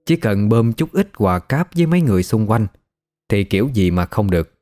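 A man, narrating a ghost story in a steady, measured way. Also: fairly low pitch, soft background music.

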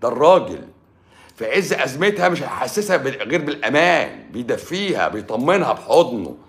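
An Egyptian man, a doctor, lecturing emphatically on a live stream and swinging between loud and hushed speech. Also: mid-range voice, very animated, fast. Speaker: doctor giving advice.

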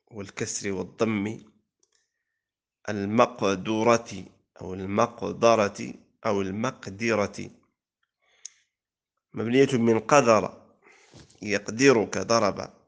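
Male teacher, low gravelly voice, measured recitation of verse in a grammar lesson. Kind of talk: classical Arabic grammar lesson.

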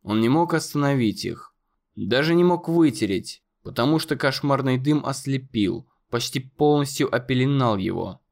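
A man narrating an audiobook in a measured, dramatic storytelling manner. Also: mid-range voice, animated, gravelly, darkish tone.

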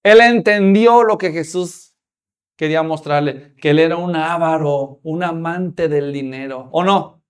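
A man's voice: fairly high pitch, unhurried, clean tone. A man preaching a sermon, often putting rhetorical questions to the congregation.

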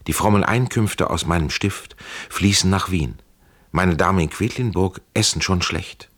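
A man's voice: low voice, normal speed, fairly bright tone. A man voicing a proud, bitter old princess.

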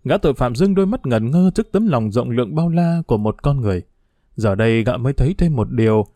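A man narrating a story in an even, somber storytelling manner. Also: mid-range voice, no echo.

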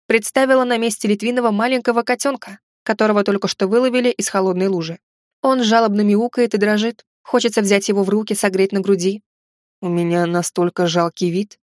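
A woman's voice: medium pitch, quick pace, dry recording, clean studio sound. Woman narrating an ironic audiobook. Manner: lively, ironic storytelling. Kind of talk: first-person audiobook narration.

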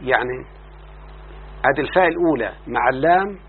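A man's voice: mid-range voice, lively intonation, breathy edge. A man with an Egyptian accent teaching Arabic morphology, often asking his student if he follows and stretching out word forms as he says them. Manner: repeats word forms slowly and drawn out. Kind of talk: explaining a classical text to a student. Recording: tinny phone-like line with faint hum.

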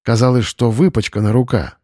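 A man reads a novel aloud in steady, measured narration. His voice sits at an ordinary pitch. The recording is dry and close to the mic. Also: no echo. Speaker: audiobook narrator. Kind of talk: scripted narration.

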